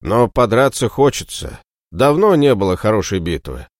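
A man voices a gruff, blunt Norse warrior in a storybook reading, his voice low and grumbling. The lines sound dry and close, and the pitch moves a lot. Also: sing-song, moderate pace, no echo. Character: gruff Norse male warrior, eager to fight. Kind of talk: audiobook reading.

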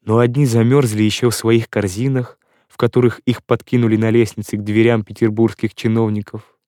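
A man reading a classic literary story aloud in a calm, measured way. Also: fairly low pitch, dry recording, studio quality. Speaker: narrator.

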